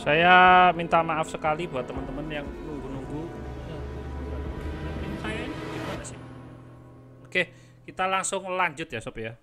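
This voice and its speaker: A man streaming a horror game live, chatty and apologetic, breaking into startled shouts. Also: a little high, normal speed. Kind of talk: live gameplay commentary. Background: game music.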